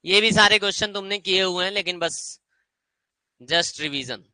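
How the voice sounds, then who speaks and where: Bright high-voiced male grammar teacher. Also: no echo, rough recording. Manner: lively, drills words by repeating them, slows down for English phrases. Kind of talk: classroom lecture.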